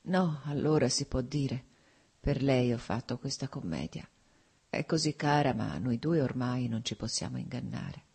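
A dying man, weak and bitter, who speaks slowly in a dark, hushed, halting voice, as a reader puts him on. The voice is husky and breathy. It sounds like an audiobook character. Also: medium pitch, exaggerated voice. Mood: weary, hushed. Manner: slow, hushed, halting words.

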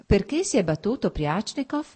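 A woman's voice: mid-range voice, very animated, normal speed, dark tone, husky, voice pushed up. A woman voicing a cold, stiff middle-aged nobleman in a formal, restrained manner, in an audiobook reading.

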